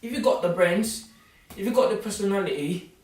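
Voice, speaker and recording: London teen boy, slangy and playful, higher voice, far echoey mic. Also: animated, fairly quick. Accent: London English. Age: teens. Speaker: panelist. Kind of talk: casual panel discussion. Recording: echoey room, distant mic.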